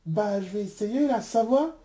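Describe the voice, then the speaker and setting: A man's voice: high-pitched, background noise, pitched above the performer's own voice, natural voice. A man voicing a hesitant young woman quiz contestant who struggles to articulate, in a toy-figure parody of a game show. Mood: flustered. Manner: hesitant, halting. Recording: music bed behind voice.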